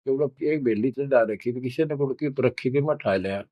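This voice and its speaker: A man's voice: medium pitch, a little fast, no room sound, lightly acted. A man voicing a faithful village man who explains earnestly, in slightly muffled audio. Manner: earnest, reassuring.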